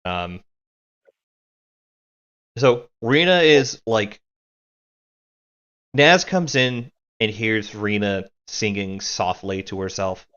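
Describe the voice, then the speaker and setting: Low-voiced woman running a tabletop game. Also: a bit bright, muffled recording. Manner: casual, halting, with fillers. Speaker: game master.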